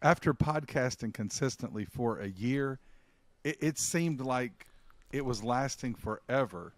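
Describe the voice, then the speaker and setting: A man's voice: mid-range voice, lively intonation, measured pace, no echo. A man co-hosting a podcast in casual chat, upbeat and encouraging. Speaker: podcast co-host.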